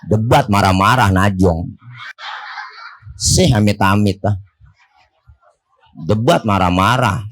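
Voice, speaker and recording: A man's voice: fairly low pitch, slow, long pauses. A middle-aged man with a Betawi accent giving a comedic sermon at a religious gathering, joking with and teasing his audience in colloquial speech. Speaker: Islamic preacher. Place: Prophet's birthday gathering in a village neighborhood.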